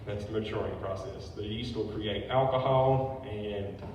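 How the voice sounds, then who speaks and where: A brewery owner gives a public history talk, reading from notes and slipping in informal asides between the read passages. His voice is on the low side and darkish, with a measured pace. The recording is muffled, in a very echoey hall with a distant mic and faint noise.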